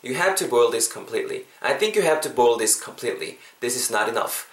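Lively man teaching English. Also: mid-range voice, very slow. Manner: animated, spells words out, mixes English phrases. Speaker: English teacher podcast host. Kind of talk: casual language lesson. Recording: roomy echo.

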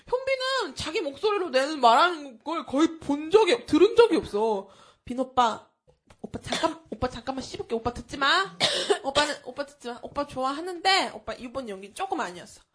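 A woman's voice: high voice, very animated, a little fast. A woman co-hosting a casual movie-review talk show, sarcastic and teasing, often speaking straight to the listeners. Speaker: podcast co-host.

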